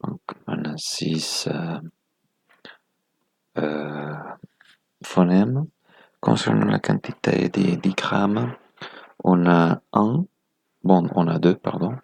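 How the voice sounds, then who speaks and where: A man's voice: low-pitched, expressive, drawn-out words, vocal fry, pauses often, a little mellow, breathy edge, no echo. A man presenting a video lesson, explaining step by step in a methodical way, counting items aloud and correcting himself as he goes.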